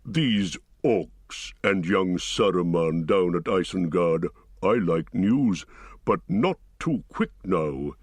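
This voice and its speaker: A man performs an exaggerated, husky voice for an ancient giant tree-shepherd in an audiobook reading. Slow and deliberate, the giant hums and muses between his thoughts in no hurry at all, his pitch rising and falling lively. With no room sound, the close recording keeps each rumble near.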